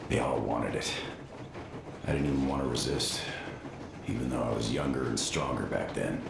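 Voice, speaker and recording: A man's voice: very deep voice, normal speed, creaky, exaggerated voice. A man playing a homesick, stoic and loyal soldier in a video game. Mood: subdued, resolute. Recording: very echoey, noisy game audio.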